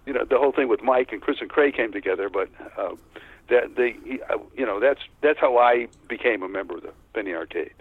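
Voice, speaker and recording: A Texas-born man who grew up in Chicago, now older, looks back on his days as a band musician in a casual interview, talking hesitantly and rambling. His medium-pitched voice is slightly rough and fairly quick, with no room sound, over a tinny, narrow-band phone line.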